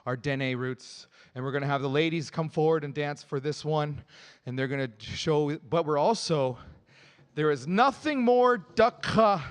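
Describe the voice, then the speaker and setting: A man leading a dance group, announcing songs on a festival stage in an earnest, explanatory way with pauses between phrases. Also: mid-range voice, clean tone, in a large hall. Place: outdoor or large festival stage.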